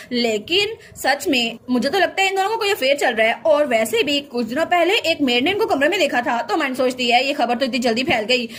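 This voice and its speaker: A woman narrating a casual story recap, with a high voice. She chats along, retelling scene after scene and quoting every speaker. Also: a bit bright, slight background noise.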